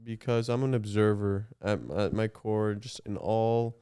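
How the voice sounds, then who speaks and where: A man's voice: lowish voice, level tone, measured pace, mellow, clear, resonant tone, dry recording, studio quality. A man co-hosting a podcast in casual, bantering conversation. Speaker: podcast co-host.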